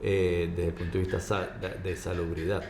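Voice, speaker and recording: Casting: male doctor as interview guest, deep voice, halting explanatory delivery, roomy sound. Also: little pitch movement, a little mellow. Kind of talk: informal medical explanation in an interview. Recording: roomy echo, faint background noise.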